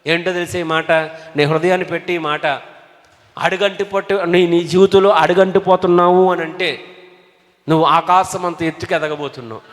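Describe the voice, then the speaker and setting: High-voiced pastor in a reverberant hall. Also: male voice, steady tone, moderate pace. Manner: exhorting, with call-and-response amens; swings between loud preaching and hushed passages. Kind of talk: sermon.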